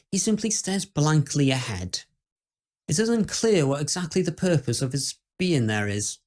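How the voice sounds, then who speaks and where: A man with a fairly high voice plays a skeptical, uneasy Victorian gentleman recounting the ghosts of a house in a first-person dramatic monologue. His telling is formal, measured, and old-fashioned, its mood grave, musing, and filled with dread.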